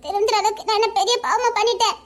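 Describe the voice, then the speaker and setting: A woman's voice: extremely high pitch, steady tone, very fast, a bit bright. A woman with a Tirunelveli Tamil accent playing a sulky young pregnant wife, reproachful and half-laughing.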